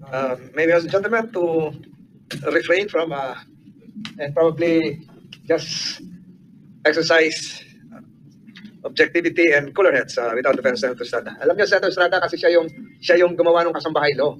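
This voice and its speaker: A man chairing a hearing, asking formal, measured questions with polite hesitations. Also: on the high side, a bit bright, slight background noise. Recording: slightly muffled hearing audio.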